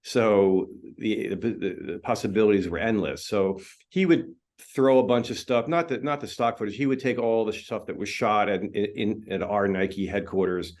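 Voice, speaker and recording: Lowish in pitch, this male film editor keeps a normal pace with few pauses. His interview talk is relaxed and chatty, peppered with fillers and frequent restarts.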